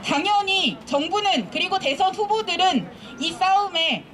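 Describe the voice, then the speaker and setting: A woman from Seoul, an activist, giving an earnest, measured speech at an outdoor protest. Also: very high-pitched, animated, a bit bright. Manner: earnest, measured, repetitive phrasing. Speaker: activist speaker at a rally. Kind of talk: rally speech.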